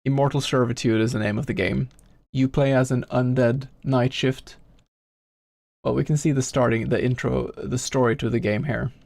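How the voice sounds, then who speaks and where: A Norwegian man from Norway, with a Norwegian accent, chats casually on a game dev live stream, rambling and thinking aloud in a self-deprecating way. His medium-pitched voice is gravelly and darkish, with fairly even intonation at normal speed. It's captured with no room sound on a home studio microphone he was gifted.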